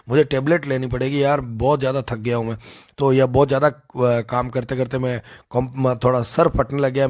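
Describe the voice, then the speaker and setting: Man, vocabulary teacher, folksy, repeats and stresses words, slightly high voice. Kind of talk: explanatory lesson with memory tricks.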